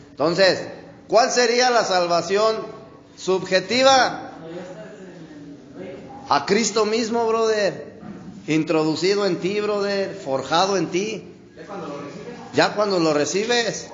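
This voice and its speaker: A man preaching a sermon in a conversational way, often calling the listener "brother" and checking "¿sí?", and drawing out key words slowly. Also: high voice, animated, fairly bright tone, roomy sound, big-room sound, highs cut off. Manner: slow, drawn-out stresses on key words. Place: church hall.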